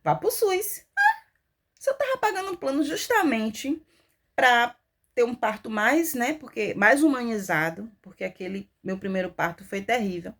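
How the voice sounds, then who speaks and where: A woman, telling her own testimony as a mother with emotional, animated storytelling. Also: a little high, moderate pace. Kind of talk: personal testimony vlog.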